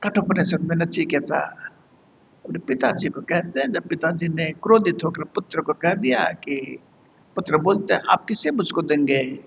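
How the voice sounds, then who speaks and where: A man's voice: a little high, expressive, normal speed, gravelly, husky, muffled recording. A man, a monk, giving a devotional scripture discourse, telling stories and chanting verses as he explains them. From India. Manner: storytelling with acted quotes and chanted verses.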